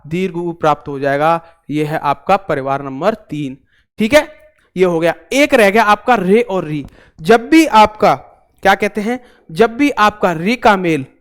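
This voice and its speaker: Male online tutor, high clear voice, talkative and repetitive. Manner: chatty, repeats himself, joking asides to viewers. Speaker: teacher. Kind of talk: online exam-prep class.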